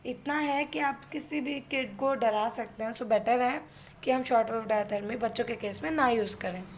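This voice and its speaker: In a lecture switching between Hindi and English, an Indian-accented physiotherapy instructor explains her material one step at a time, asking herself questions and supplying the answers. She talks at a moderate pace in a fairly high voice over slight background noise.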